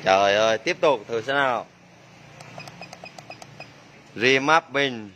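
A man's voice: medium pitch, normal speed, bright, forceful tone, slight background noise. A man working as a motorbike mechanic, demonstrating a repair and joking and exclaiming to himself as he works. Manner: chatty, jokey, exclaims under his breath.

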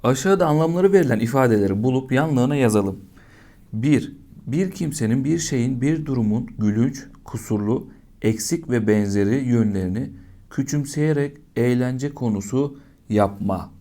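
A man's voice: medium pitch, normal speed, warm tone. A man teaching a primary school lesson, patiently asking young children questions and answering them himself.

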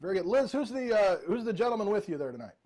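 Speaking quickly in a high, darkish voice that is very animated, a middle-aged showman does playful mind-reading magic on a video call, addressing participants by name. This mentalist performs from a room lined with bookshelves.

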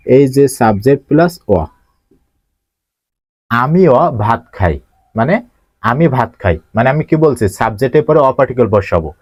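A man teaches Japanese grammar at a middle pitch, posing questions to his students and answering each one himself. The recording is close and dry, with almost no room sound. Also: a little mellow, no room sound. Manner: asks rhetorical questions and answers them himself. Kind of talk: grammar lesson explanation.

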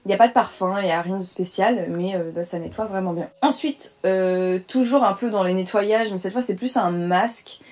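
A woman's voice: mid-range voice, moderate pace, hardly any pauses, a little mellow. A young adult woman chatting casually as a beauty vlogger, hesitant and full of fillers as she reviews her products.

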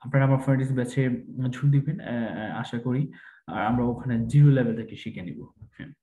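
Man, pronunciation teacher, repeats words in drills, mid-pitched voice, echoey room. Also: quick pace, warm tone, highs cut off. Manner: drills each word by repeating it, mixes English into talk. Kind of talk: online pronunciation lesson.

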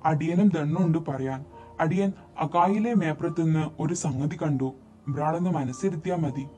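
A man's voice: fairly high pitch, normal speed, warm tone, lightly acted. A man voicing a deferential male servant who speaks anxiously and with hesitation. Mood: pleading. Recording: dull lo-fi recording, faint music behind.

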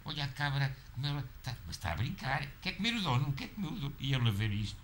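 A man's voice: mid-range voice, big pitch swings, quick pace, fairly bright tone, slight background noise. A man talking casually at home, doting and cooing in baby talk. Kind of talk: casual home video chat.

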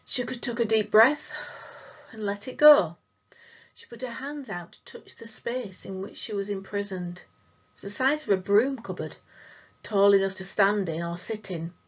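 A woman teacher gently reading a novel aloud for a lesson and asking her listeners questions. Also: mid-range voice, muffled recording.

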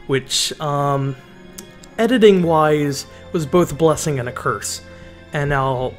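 A man giving relaxed, casual voice-over commentary on a Minecraft build, often pausing with ums and restarting sentences. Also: mid-range voice.

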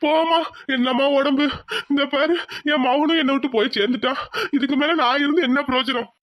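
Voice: high-pitched, fairly even intonation, brisk, highs cut off, natural voice. A performer voicing a grieving, fearful old village patriarch in a cartoon, with a mournful manner. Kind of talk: cartoon voice acting.

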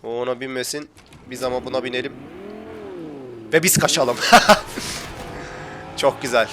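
A man's voice: mid-range voice, fairly even intonation, fairly quick, noisy background. Young man grumbling over his game. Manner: grumbling, gets worked up and complains to viewers. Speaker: gaming YouTuber. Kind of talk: casual gameplay commentary.

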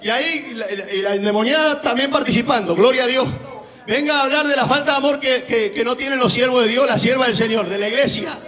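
Male evangelist, very high ringing voice, fiery shouted sermon style. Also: quick pace, in a large hall. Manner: fiery, shouting, peppered with hallelujahs. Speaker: evangelist preacher.

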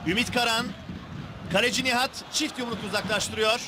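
Male football commentator, very high excited delivery, raised voice, noisy 1990s sports broadcast. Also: brisk. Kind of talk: match highlights commentary.

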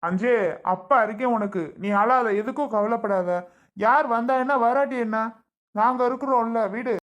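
A woman's voice: on the high side, moderate pace, muffled recording, natural voice. A woman playing a reassuring older father in a family skit. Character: caring older father of the bride.

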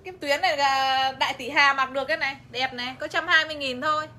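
Her voice is high and sharp, with a steady tone and quick pace, and there's slight background noise. She sells clothes in a livestream sales pitch, chatty and laughing a lot as she speaks directly to her viewers.

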